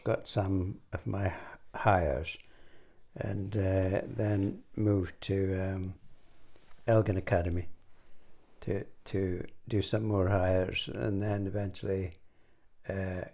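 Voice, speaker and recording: An older Scottish man reminiscing about his youth, speaking haltingly with many fillers and restarts. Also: deep voice, level tone, darkish tone, dull audio. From Scotland. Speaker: interviewee. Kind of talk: reminiscing conversation.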